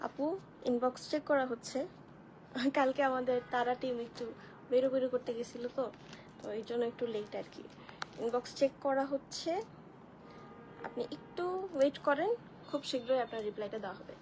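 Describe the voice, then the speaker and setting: A high-voiced woman hosts a live online clothing sale. She chats with viewers, greets them by name and walks through each dress. A faint noise runs under the recording. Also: fairly even intonation, brisk, pauses often, a little mellow, rough recording. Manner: chatty, addresses viewers as sisters, greets commenters by name. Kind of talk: live-stream product showcase.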